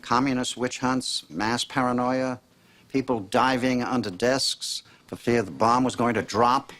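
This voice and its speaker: Sitcom teacher, man: older, stern, lecturing, mid pitch. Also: steady tone, a little slow, fairly bright tone, a little hiss or hum, natural voice. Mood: solemn. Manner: grave, lecturing. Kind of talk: sitcom acting.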